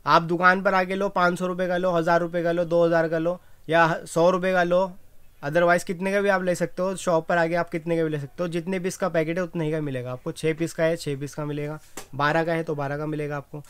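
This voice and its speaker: Fast-talking young shopkeeper, monotone patter. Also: male voice, fairly high pitch, clear, resonant tone, dry recording. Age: young adult. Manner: rapid salesman patter, rattles off prices; repeats "haan ji" agreement. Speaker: wholesale shop owner. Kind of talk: product walkthrough. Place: cramped indoor bag shop.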